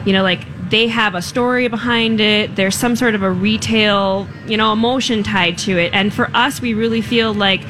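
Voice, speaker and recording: A woman's voice: mid-range voice, fairly even intonation, moderate pace, few pauses. A woman speaking as an interview guest in an earnest, meandering, casual way. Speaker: guest, small-shop owner. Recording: noisy live fair broadcast.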